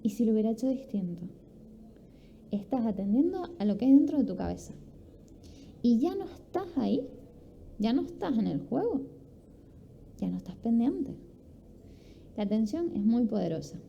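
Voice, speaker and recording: Woman, conference speaker, raspy fry in the voice, explanatory and full of rhetorical questions; muffled lo-fi capture. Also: on the high side, sing-song, moderate pace, pauses often, dark tone, slight background noise. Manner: explanatory, poses rhetorical questions and acts out examples. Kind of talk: instructive talk. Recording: dull lo-fi recording with faint ambience.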